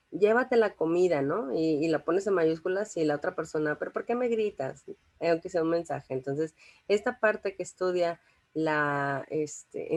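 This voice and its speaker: Young woman lecturing, lower voice, conversational with lots of fillers and check-ins. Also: a little mellow. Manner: conversational, many fillers and restarts, checks in with listeners. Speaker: teacher. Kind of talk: informal classroom lecture.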